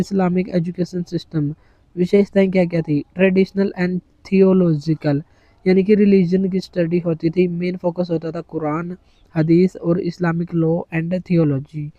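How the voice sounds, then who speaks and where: Male teacher, slightly high voice, lecture delivery, dry muffled recording. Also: dark tone, no room sound. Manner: explains in Hindi mixed with English terms, lists items one by one. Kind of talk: exam-prep lecture.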